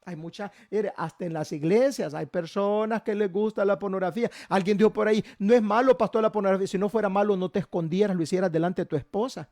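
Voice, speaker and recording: High-voiced pastor preaching. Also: male voice, steady tone, quick pace, hardly any pauses, dark tone, no room sound, clean studio sound. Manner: folksy storytelling, keeps asking "¿verdad?". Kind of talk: sermon.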